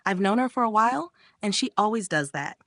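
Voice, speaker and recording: A woman's voice: medium pitch, animated, brisk, a bit bright, no echo, clean studio sound. A woman voicing a flustered, caring younger sister who pleads anxiously in a manga recap. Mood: pleading.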